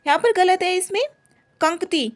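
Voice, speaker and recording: A young woman teacher briskly going through exam answers one by one, repeating each point as she explains. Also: very high-pitched.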